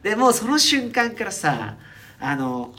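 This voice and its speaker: A man from Hokkaido who hosts a dance studio podcast, telling stories casually in an animated way, laughing and acting out the quotes. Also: sits high, unhurried. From Hokkaido, Japan.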